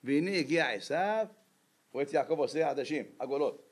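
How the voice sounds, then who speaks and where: A male rabbi delivering a sermon in a somewhat high voice. He keeps the talk moving with quick rhetorical questions to the congregation and an animated, storytelling delivery. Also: husky. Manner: lively, peppered with rhetorical questions to the audience.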